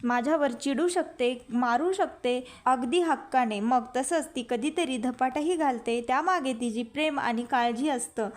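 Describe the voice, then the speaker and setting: A woman voicing a patient young mother who gently explains things to her daughter in a soft, coaxing way. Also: high-pitched, a little slow, few pauses.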